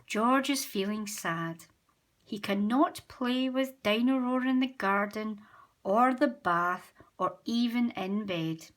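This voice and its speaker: A woman reading a children's storybook aloud as host of a story time, gentle and expressive. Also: mid-range voice, takes it slowly. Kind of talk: children's read-aloud narration.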